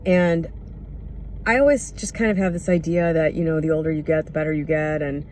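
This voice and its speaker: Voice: medium pitch, fairly even intonation, fairly quick, a little mellow. Candid, hesitant speaker over background noise. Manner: candid, hesitant, searching for words. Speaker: podcast or vlog host. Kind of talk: unscripted reflective monologue.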